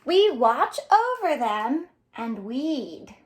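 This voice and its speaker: Her pitch high and sing-song, a librarian hosting storytime draws out each word as she reads aloud and sings along, exaggerating for an audience of young children.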